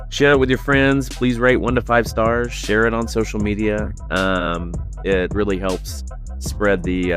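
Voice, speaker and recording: A man hosting a podcast, telling a story in an animated way with lots of "like"s. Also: low-pitched. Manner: animated, many "like"s, acts out voices.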